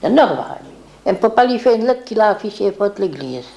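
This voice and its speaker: A woman's voice: medium pitch, big pitch swings, fairly quick, gravelly, warm tone, dull audio. An older woman, reminiscing in a rambling way and acting out what others said. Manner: rambling, acts out quoted speech. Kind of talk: reminiscing oral history.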